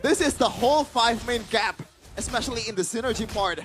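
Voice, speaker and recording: A high-voiced man works as an esports shoutcaster, calling a match live. He is excitable and breaks into exclamations, with music playing behind him. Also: fairly quick. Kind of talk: live game commentary.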